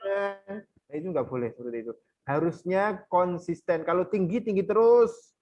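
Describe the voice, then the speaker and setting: A man teaches Quran recitation rules. He explains each rule, then chants the verses slowly and counts the beats aloud. The sound is dull and lo-fi, like online audio. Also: high-pitched, a little mellow, faint music behind. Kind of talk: online workshop lesson with recited examples.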